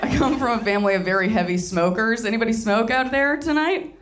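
Speaking fast and on the high side, this young Southern comic from Tennessee works a live crowd in a little candy-shop venue with a handheld microphone. Her delivery is dry and deadpan, with mocking impressions of whoever she's quoting.

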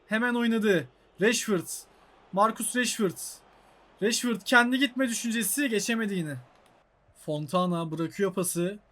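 On his own YouTube channel, a young Turkish man plays a football video game and narrates the action. He sounds high-pitched for a man and excitable, alternating rapid match commentary with frustrated, exasperated outbursts at the game.

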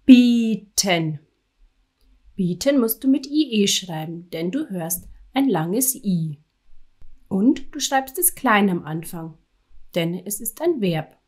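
A woman dictates spelling words to young pupils at a very slow, deliberate pace. Her voice sits at an ordinary middle pitch, and she stresses every word carefully and praises often, like a patient primary-school teacher. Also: a little mellow. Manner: slow, clearly articulated dictation with encouraging praise. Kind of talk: dictation lesson for children.

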